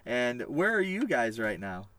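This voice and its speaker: A man's voice: medium pitch, big pitch swings, a little slow, sharp tone. Upbeat, chatty male podcast host, recorded in a van. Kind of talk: casual podcast interview. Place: parked family van.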